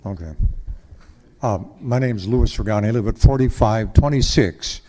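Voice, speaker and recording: A man's voice: on the low side, moderate pace, warm tone. An older man giving a rambling, folksy public comment at a council meeting lectern. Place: council chamber at a lectern mic.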